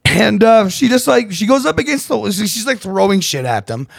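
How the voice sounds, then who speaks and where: A middle-aged man with a gravelly, fry-laden voice sits a little high for a man. He talks in a blunt, profane, off-the-cuff style, with animated swings in pitch. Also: moderate pace, no echo, studio quality. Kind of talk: casual chat.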